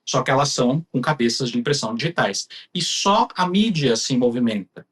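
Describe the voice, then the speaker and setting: A man's voice: medium pitch, expressive, a little fast, fairly bright tone. A man with a Brazilian accent giving a conversational technical explanation as a specialist guest.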